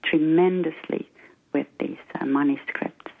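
Finnish-accented woman, middle-aged, lowish voice, hesitant interview guest, phone-line sound. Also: steady tone, unhurried, gravelly. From Finland. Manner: hesitant, many fillers and restarts. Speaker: guest financial coach. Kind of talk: casual interview talk.

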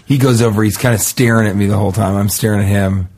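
A man's voice: fairly low pitch, fairly even intonation, quick pace, a little mellow, husky. A man telling a story in casual chat, acting out the people he quotes. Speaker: podcast co-host.

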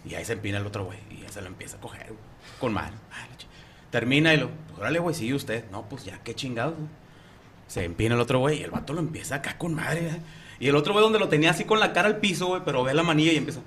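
A man's voice: medium pitch, expressive, racing, a bit bright, slight background noise. A Mexican man telling a crude joke among friends, slangy with filler in every line. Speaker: joke teller.

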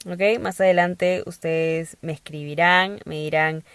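A young woman hosting a podcast in a casual, playful monologue full of quick asides. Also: sits low, steady tone, fairly bright tone, smooth, dry recording. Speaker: podcast host.

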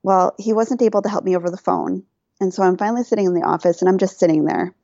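A woman guest on a podcast telling a personal story in casual chat, animated, laughing often and quoting herself and others. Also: fairly low pitch, fast, creaky, dry recording, dull audio.

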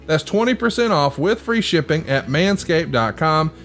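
Higher-voiced man hosting a podcast. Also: animated, moderate pace, fairly bright tone, faint music behind. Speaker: podcast host. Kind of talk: casual watch-along commentary and ad reads.

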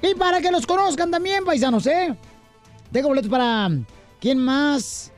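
A man's voice: very high voice, normal speed, soft background music. A man hosting a comedy radio show, bantering playfully in slang. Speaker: radio host.

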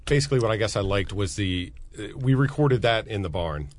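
A man, a guitarist in a band, chatting casually in an interview, relaxed and rambling with many restarts. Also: lowish voice, fairly quick. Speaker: musician guest.

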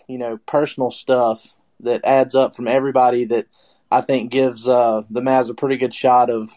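A man hosts a casual sports talk podcast, rambling with plenty of fillers and restarts as he turns to his co-hosts. His voice is mid-range and a little mellow.

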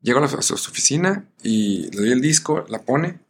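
Lively Mexican man telling a story. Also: medium pitch, brisk, a little hiss or hum. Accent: Mexican Spanish. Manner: animated, acts out voices in his stories, many fillers. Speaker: guest musician. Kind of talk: casual storytelling.

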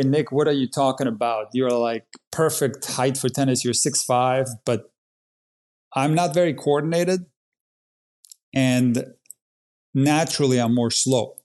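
Brief: man in his 40s from Croatia, middle-pitched, earnest podcast guest telling his story. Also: darkish tone. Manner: earnest, storytelling, plain-spoken. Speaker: tennis coach guest. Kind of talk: podcast interview.

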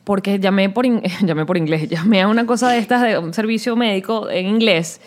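A woman co-hosts a casual podcast chat at a rapid clip. She tells stories with energy and acts out both sides of the calls she describes. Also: medium pitch. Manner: animated storytelling, acts out phone calls. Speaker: podcast co-host.

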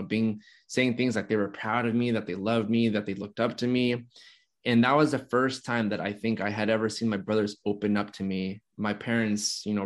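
Guest in his twenties, sincere and open, speaks with a fairly low voice and frequent restarts. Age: 20s. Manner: earnest, open, halting with restarts. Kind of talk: casual conversation.

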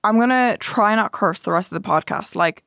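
A woman streamer guesting on a podcast, chatting casually with teasing, quick banter. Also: mid-range voice, vocal fry, fairly bright tone, dry recording, clean studio sound.

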